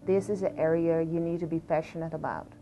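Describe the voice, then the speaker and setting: A woman's voice: deep voice, steady tone, a little fast, mellow, slight background noise. A woman from Aruba, a police deputy commissioner speaking passionately and conversationally in an interview, with frequent fillers.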